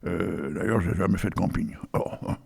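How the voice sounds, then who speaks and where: A man's voice: sits low, moderate pace, creaky, darkish tone, breathy edge. An older man hosting a local radio show, chatting casually and rambling through asides between poems. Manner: chatty, digressive, frequent asides and fillers. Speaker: radio host reading poems. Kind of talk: casual rambling radio chat and poetry reading.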